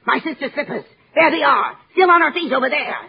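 An actress playing a menacing, spiteful wicked witch in old radio drama style, commanding and theatrical, with a raspy voice. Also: sits high, fairly quick. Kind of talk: 1930s-50s radio drama acting. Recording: muffled old radio recording.

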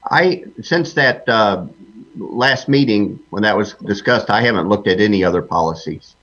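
Hesitant low-voiced man, muffled audio. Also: lively intonation, fairly bright tone. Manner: hesitant, halting. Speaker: trustee running a board meeting. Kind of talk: introducing agenda items. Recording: dull, muffled meeting audio.

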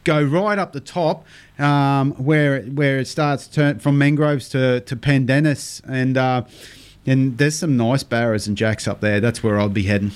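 A man's voice: medium pitch, steady tone, unhurried, smooth. A man with an Australian Queensland accent hosting a casual fishing phone-in, matey and jokey in his talk. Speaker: radio show host.

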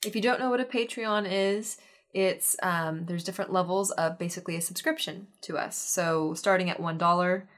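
A woman's voice: lowish voice, steady tone, normal speed, fairly bright tone. A woman co-hosting a podcast from a room in a house, chatting casually, laughing often and repeating words for emphasis. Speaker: podcast co-host. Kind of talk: casual chat.

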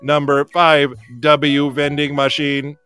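A man putting on a robot voice to play a female AI program that reads out numbered lists in a slow, measured way. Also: on the high side, monotone, bright, forceful tone, clean tone, soft background music. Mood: deadpan.

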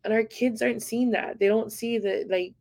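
A woman's voice: on the high side, fairly even intonation, normal speed, gravelly, darkish tone, no echo. A woman from Hawaii, speaking earnestly as a podcast guest and stressing her points through repetition. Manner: earnest, emphatic, repeats key points. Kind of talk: casual podcast conversation.

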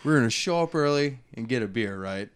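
A man's voice: mid-range voice, animated, fast, clear, resonant tone. A man in casual chat with friends, telling a rambling story and swearing freely.

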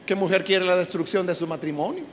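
A man preaching a sermon, emphatic, with sudden shouted words and rhetorical questions. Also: high-pitched, a little fast, slight background noise. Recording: long reverb of a large hall.

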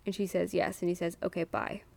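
A woman's voice: lowish voice, level tone, fairly quick, gravelly, darkish tone, no room sound. Giggly young woman, dry close sound. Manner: giggly, reads quoted passages aloud. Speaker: podcast co-host. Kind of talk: casual book-discussion chat.

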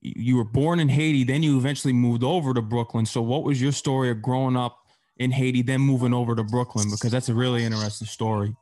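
Male host, interview questions, upbeat, plugs releases, mid-pitched. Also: steady tone, fast, dark tone.

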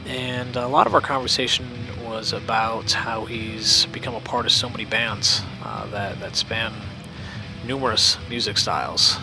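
A man's voice: lowish voice, fairly even intonation, unhurried, creaky. A man hosting a podcast, reading an upbeat scripted introduction over music. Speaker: podcast host.

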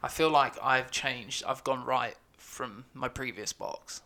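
A man's voice: medium pitch, slow pace, pushed and bright. An English man in his thirties co-hosting a podcast in casual, joking, teasing banter. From England. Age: 30s. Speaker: podcast co-host. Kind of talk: casual chat.

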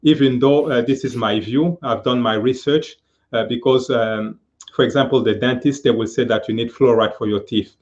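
A man in his fifties, a guest on a live-stream interview, speaking earnestly with many pauses and fillers over a video call. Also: medium pitch, steady tone, a little mellow, dull audio. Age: 50s.

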